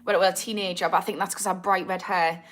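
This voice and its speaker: A fairly low, a bit bright voice with little pitch movement belongs to a Geordie woman in her thirties who talks at a quick pace. In a casual livestream chat, she answers her viewers' comments, often laughing and joking at her own expense.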